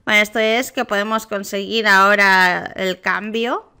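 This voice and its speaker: A woman with a Spain Spanish accent, a gaming youtuber giving casual, excitable reaction commentary. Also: mid-range voice, a little slow, clear, resonant tone. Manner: excitable, gushing exclamations.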